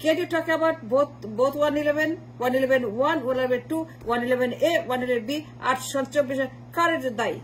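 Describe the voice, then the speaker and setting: A woman giving a forceful political monologue, mixing Bengali and English with insistent repetition. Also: high voice, steady tone, quick pace, few pauses, slight background noise, low-quality recording. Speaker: political commentator.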